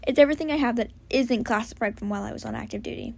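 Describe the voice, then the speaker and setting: A woman's voice: a little high, racing, gravelly. A woman reading as an earnest young firefighter. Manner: spoken louder than the whispered narration.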